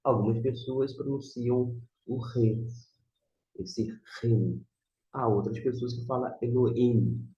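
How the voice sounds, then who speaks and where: A Biblical Hebrew teacher with a Brazilian Portuguese accent gives an informal screen tutorial, repeating and sounding out words didactically. His voice is mid-range, mellow and unhurried, with fairly even intonation. The room sounds muffled and echoey.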